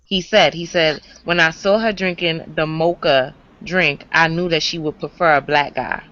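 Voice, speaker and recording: A woman's voice: fairly even intonation, normal speed, a bit bright. A woman commenting in a casual, conversational discussion. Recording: slightly dull low-fidelity audio.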